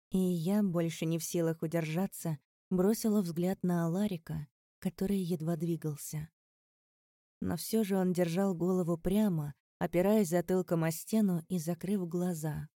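A woman with a low, mellow voice reads a first-person audiobook. Her delivery is measured and steady, and the recording is close and dry. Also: dry recording. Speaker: audiobook narrator.

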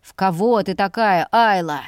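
A woman's voice: medium pitch, unhurried, smooth, no echo, clean studio sound, natural voice. A woman voicing a crude, greedy teenage older brother who sneers and threatens. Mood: scornful. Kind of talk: audiobook character voice.

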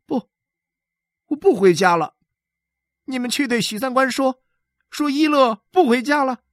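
A man's voice: very high voice, lively intonation, a little slow, a bit bright, no echo, clean studio sound, pitched above the performer's own voice, exaggerated voice. A man voicing a sad, stubborn eleven-year-old boy who begs strangers for a father, in a childish, whiny way.

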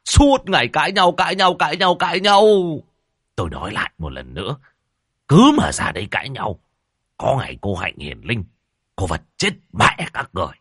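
A crusty old village sorcerer, as a male storyteller puts him on, barking orders and scolding the crowd. His husky voice swings widely in pitch. The sound is close and dry, like a spoken ghost story. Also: very animated, moderate pace, a bit bright, no room sound, heavily acted. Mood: furious scolding. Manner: scolding, commanding.

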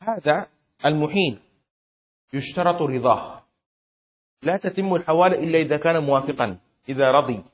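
Speaking fairly quickly and pausing often, a sheikh with a rather high voice teaches his students Shafi'i law. The interactive lesson has him quizzing the class regularly and drawing out important words to stress them.

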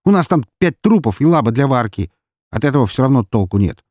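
A gruff, short-tempered police lieutenant in an audiobook, as a male narrator puts him on, barking orders in a raised, louder voice. He snaps with impatience, and his pitch leaps around as he shouts, recorded close and dry. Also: big pitch swings, fairly quick, dry recording, natural voice. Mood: exasperated.

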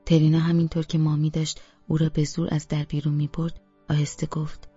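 A man with a gravelly, husky voice reading a novel in first-person narration. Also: a little high, dry recording, muffled recording, soft background music. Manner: flat, even reading. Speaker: audiobook narrator.

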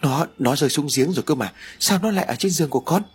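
A man's voice: fairly high pitch, animated, fast, slightly rough, pitched above the performer's own voice. A man voicing a frightened young village man who stammers in confusion. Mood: shaken.

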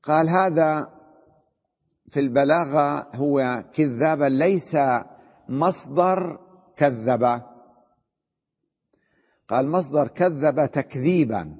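Slow and husky with long pauses, this fairly high male voice belongs to a sheikh teaching grammar. He reads a passage, explains it, and frequently checks that the students keep up, captured in a dull lo-fi recording with hall reverb.

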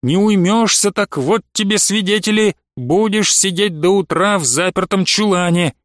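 A man's voice: sits high, normal speed, no echo, studio quality, lightly acted. A man voicing an elder matron who firmly admonishes and coaxes an unruly nun. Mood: firm admonishing. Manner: firm, admonishing, coaxing.

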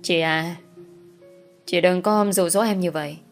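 A woman voicing a jealous young wife who speaks in sharp, quick outbursts. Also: on the low side, steady tone, faint music behind, lightly acted. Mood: angry.

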